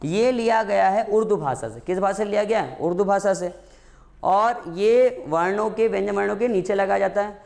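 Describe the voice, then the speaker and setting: For exam preparation, a man runs a grammar lesson in a high, slightly mellow voice with vocal fry, moving at a moderate pace. He addresses students as "beta," answers his own questions, and drills the main points repeatedly.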